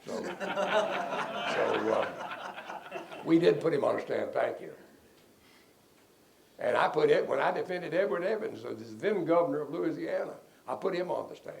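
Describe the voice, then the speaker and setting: A man's voice: a little high, expressive, moderate pace, pauses often, a little mellow, slight background noise. An older man, a defense lawyer, telling rambling anecdotes in an interview and chuckling at his own stories. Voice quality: gravelly.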